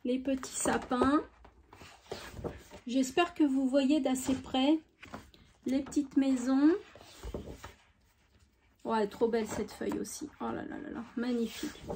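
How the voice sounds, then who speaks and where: Chatty high-voiced woman showing crafts. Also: steady tone, takes it slowly, pauses often, background noise. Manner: chatty and enthusiastic, many fillers. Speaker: craft YouTuber. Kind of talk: casual product show-and-tell.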